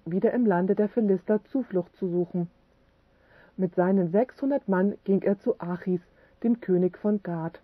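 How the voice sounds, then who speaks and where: Woman reading a religious book, steady, husky, tinny phone-like sound. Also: medium pitch, no room sound. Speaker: audiobook narrator. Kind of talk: scripted narration of a religious book. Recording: tinny phone-like dry audio.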